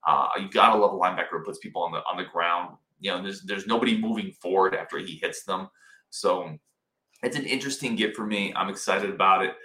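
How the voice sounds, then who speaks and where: A man with a lowish, forceful voice hosts a casual sports show from inside a wooden cabin. He talks informally and with enthusiasm, and the room adds clear echo around his words. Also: fast. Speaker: sports podcast host. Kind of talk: casual sports commentary to live viewers. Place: indoors in a cabin. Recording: roomy indoor cabin echo.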